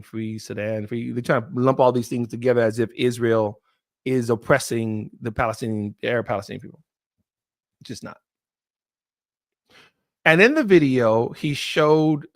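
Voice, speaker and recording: A middle-aged man hosting a live commentary show, talking off the cuff in an impassioned way that turns halting and apologetic. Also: medium pitch, a bit bright, dry recording, studio quality. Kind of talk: unscripted live commentary monologue.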